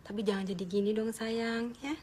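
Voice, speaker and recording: A woman playing a gentle mother who speaks softly and affectionately to her teenage daughter. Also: on the high side, fairly even intonation, fairly quick, a little hiss or hum, close to an everyday voice. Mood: coaxing. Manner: soft, coaxing and affectionate.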